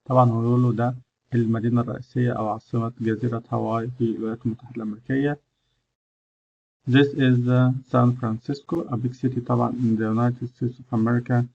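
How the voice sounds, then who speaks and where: A man's voice: medium pitch, gravelly, highs cut off. A man with an Egyptian accent, teaching an English lesson over slides. He switches between English and Arabic and stops often with "uh" to think. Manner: explains in English and Egyptian Arabic by turns, with many "uh" pauses.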